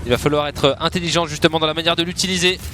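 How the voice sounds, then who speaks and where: A man commentating a video game match live, calling fights like an excited announcer and repeating player names. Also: on the high side, racing, background noise. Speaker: esports commentator.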